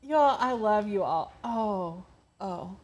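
A woman's voice: medium pitch, lively intonation, slow, a little mellow, highs cut off, slight background noise. A woman co-hosting a casual craft livestream, reading viewer comments aloud and laughing often. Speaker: co-host reading live chat.

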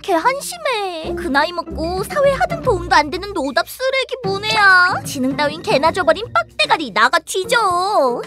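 A woman voicing a bratty little magical girl in an anime-style cartoon, smug and mocking with drawn-out teasing. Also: very high-pitched, big pitch swings, over loud music.

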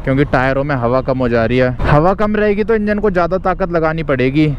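Young man, casual motovlog chat, slightly high voice, helmet mic, faint traffic hum. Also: expressive, brisk, highs cut off. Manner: chatty, explaining tips to viewers. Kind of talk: casual motovlog commentary while riding. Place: riding a scooter on city roads outdoors. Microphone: helmet mic recording from a ride. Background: faint traffic and wind.

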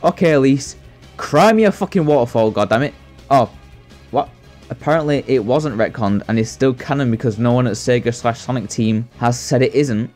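With a darkish tone at medium pitch and a moderate pace, the young man narrates his video essay from a script. Expect mock-exasperated, sweary sarcasm and joking asides, voiced over indoors with background music.

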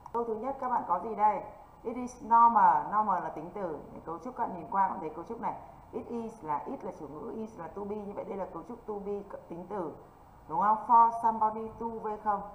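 A northern Vietnamese woman teaches an exam-prep English class, drilling rules and tossing quick check-in questions at her students. Her voice sits a little low. The sound is echoey and dull, with faint hiss behind it. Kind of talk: online exam-prep lesson.

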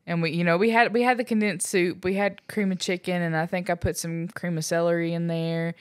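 A woman's voice: lowish voice, steady tone, fairly quick, no echo, clean studio sound. A young woman chatting casually with her husband, teasing him and telling stories with plenty of laughter. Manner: teasing, laughs often, storytelling. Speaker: co-host, wife. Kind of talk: casual couple chat.

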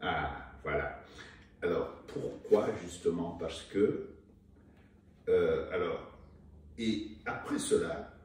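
Slow, deep-voiced older man author. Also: expressive, a little mellow. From Rwanda. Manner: slow, hesitant, repeats words while searching. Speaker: author and guest. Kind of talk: conversational interview. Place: indoor room, seated in armchair. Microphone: far camera. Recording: echoey room, mic at a distance, faint noise.

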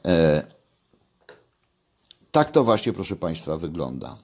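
An older man with a fairly low voice talks casually into a webcam at home. He speaks conversationally and lifts his voice when stressing a point. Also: sing-song, slow, slightly rough. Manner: conversational, rising emphasis on key points. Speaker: commentator. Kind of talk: casual commentary to camera. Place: home kitchen, indoors. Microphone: webcam at desk.

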